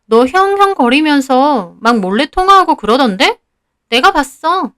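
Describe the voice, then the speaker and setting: A woman voicing a spiteful teenage schoolgirl with a sharp, needling way of talking. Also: sits high, very animated, unhurried, no room sound, clean studio sound, voice pushed up, full character voice. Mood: taunting.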